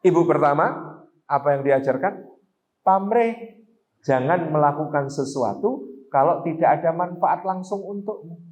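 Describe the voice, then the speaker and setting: Male preacher, high and animated, questions the crowd; echoey mosque hall. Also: unhurried, long pauses. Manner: lively, acts out quotes, asks the audience questions. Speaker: Islamic preacher. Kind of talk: parenting lecture.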